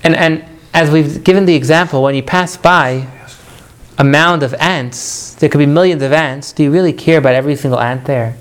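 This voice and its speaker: A man teaching a Torah class to students, animated, asking rhetorical questions and mixing in Hebrew prayer phrases. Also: on the high side, moderate pace. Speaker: religious teacher.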